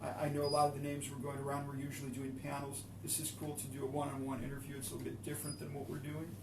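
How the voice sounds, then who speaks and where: A man's voice: medium pitch, completely flat delivery, very fast, vocal fry. A man, a father of three, speaking as an election candidate in an interview, earnest and pleading, with many fillers. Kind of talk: interview answer. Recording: echoey room, far from mic, noisy.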